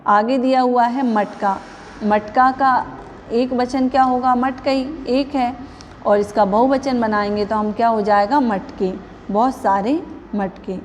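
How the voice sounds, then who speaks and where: A woman's voice: fairly high pitch, fairly even intonation, slow, big-room sound, a little hiss or hum. A woman teaching young children a grammar lesson, patiently asking the class questions and repeating each answer. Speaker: primary school teacher.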